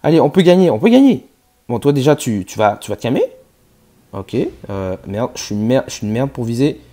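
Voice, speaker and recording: A man giving live gameplay commentary, swearing often and swinging from low mutters to loud yells. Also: expressive, fairly quick. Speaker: gaming YouTuber.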